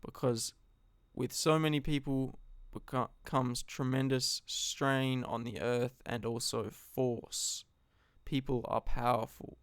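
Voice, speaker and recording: A man giving an earnest, reflective philosophical monologue, speaking deliberately in short phrases with long pauses. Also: medium pitch, steady tone, smooth, dry recording, studio quality. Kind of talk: solo reflective monologue, slow spoken address.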